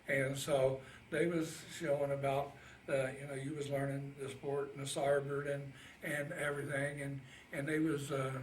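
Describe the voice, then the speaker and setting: An Indiana man of around eighty, a Navy veteran being interviewed, recalls his past in halting, folksy plain speech with a Midwestern American accent and a medium-pitched voice. It's a casual oral history, captured on a distant mic in a roomy space with faint noise.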